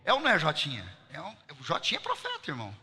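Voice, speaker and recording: A man's voice: on the high side, huge pitch swings, racing, in a large hall, a loud crowd. A man with a Minas Gerais accent preaching in church, telling a personal story and asking his congregation questions. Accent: Mineiro (Minas Gerais) Portuguese. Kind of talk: sermon told as a personal story.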